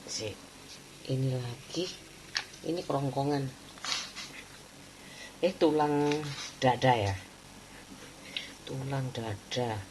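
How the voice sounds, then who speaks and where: A woman vlogger chats casually in a home vlog, laughing often and mixing in Javanese words. Her voice is rumbling and low, slow with long pauses, and there is background noise.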